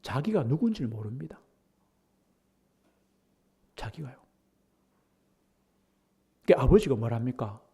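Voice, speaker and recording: A man preaching a sermon as pastor. He drops to hushed near-whispers, then rises to loud, emphatic questions. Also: medium pitch, very animated, slightly rough. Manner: slow, measured scripture reading.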